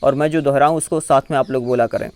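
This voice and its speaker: A man teaching how to pronounce a Sanskrit chant. He chants each phrase slowly and drawn out, then explains difficult words in quick speech. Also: mid-range voice, steady tone, darkish tone, clear, resonant tone.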